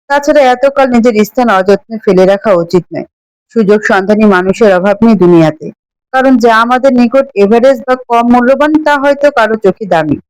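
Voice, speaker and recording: A sorrowful young woman speaks in a soft, regretful way, as a woman reader puts her on. Her tone sits fairly high and the sound is dry and close. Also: dry recording, lightly acted, poor audio. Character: sad young woman confessing quietly.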